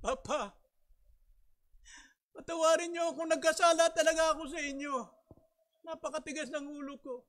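A man voicing a young child who loudly begs a stern father for forgiveness. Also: very high-pitched, steady tone, normal speed, pauses often, voice pushed up. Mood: tearful. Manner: loud tearful begging.

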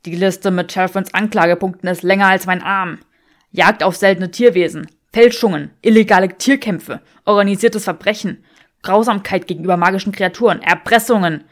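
Woman doing an arrogant young wizard, scornful, loud clipped retorts, middle pitch, fan fiction audiobook. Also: fairly even intonation, moderate pace, natural voice.

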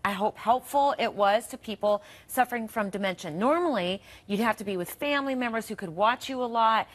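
A woman's voice: on the high side, a little fast. A woman in her forties anchoring a morning news show, asking curious prompting questions in a studio, on a lapel mic.

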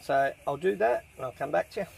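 A man walks through a simple recipe in an easy, chatty way, his voice sitting a little high for a man. He is recorded in a canvas tent at a campsite. The recording carries clear background noise. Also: fairly quick. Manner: relaxed, chatty step-by-step instructions. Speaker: camp cooking host. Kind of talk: casual cooking demonstration. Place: inside a canvas tent camp kitchen. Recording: noisy outdoor camp recording.

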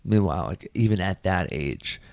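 A man's voice: low voice, moderate pace, vocal fry, no echo. A man in his thirties, a performer and guest, telling stories in a casual interview with lots of fillers and restarts. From United States. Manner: animated, many fillers and restarts.

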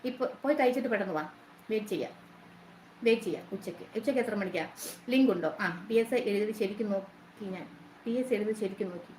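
A woman's voice: mid-range voice, fast, a little mellow. A woman hosting a casual live stream, chatting and greeting her viewers by name one after another. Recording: roomy echo, faint noise.

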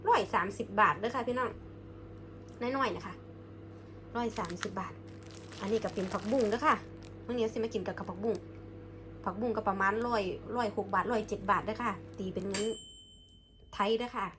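Casting: woman, Isan Thai accent, higher-pitched voice, informal eating-vlog chat with familiar, polite address to the audience. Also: a little fast, pauses often, noisy background. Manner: addresses viewers familiarly with frequent polite particles. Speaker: food vlogger. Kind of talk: casual chatty eating vlog.

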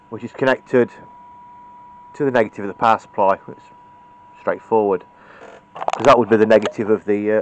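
Demonstrating at a cluttered indoor workbench, this hobbyist radio repairer talks through an informal hands-on tutorial in a blunt, chatty, matter-of-fact way. The dull, lo-fi camera audio carries his mid-range, darkish voice along with slight background noise.

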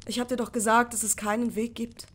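Brief: modest young male journeyman, weary and soft-spoken, read by a woman. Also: a little high, flat delivery, a little fast, slightly rough.

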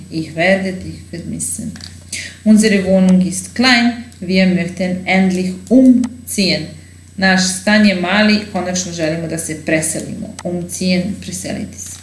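Woman teacher with a low, echoey voice. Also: slight background noise. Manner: explains slowly, repeats phrases, thinks aloud with fillers. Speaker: German teacher. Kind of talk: bilingual language lesson.

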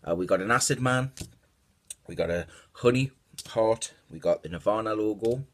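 A man's voice: lowish voice, moderate pace. A man hosting a casual unboxing vlog, hurriedly listing stickers one after another into a tablet microphone. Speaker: vlogger.

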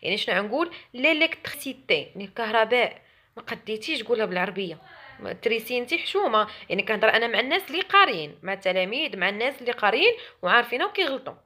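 A young woman with a Moroccan Arabic accent gives a chatty, emphatic French lesson to camera, mockingly mimicking others as she goes. Her voice is on the high side and sharp, very animated and rapid-fire.

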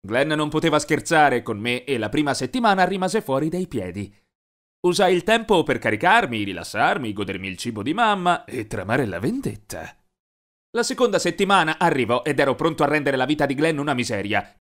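A man narrating an animated teen story in a lively, mischievous storytelling voice. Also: mid-range voice.

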